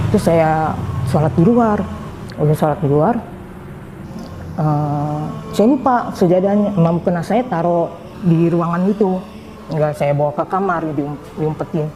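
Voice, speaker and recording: A woman recounting her personal conversion testimony in a hesitant, halting way, with many fillers. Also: fairly low pitch, noisy background.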